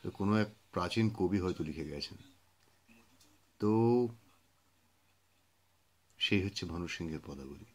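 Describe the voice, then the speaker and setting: A man reading and talking about poetry, telling the story behind the poems in an unhurried way with thoughtful pauses. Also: low-pitched, a little mellow. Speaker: poetry reader and speaker. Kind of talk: reflective spoken commentary on poetry.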